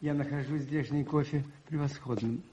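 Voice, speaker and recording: A man acting a meek, courteous provincial priest in an old radio play, speaking haltingly with polite stammers. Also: medium pitch, fairly even intonation, natural voice. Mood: grateful, quiet. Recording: muffled, noisy old radio recording.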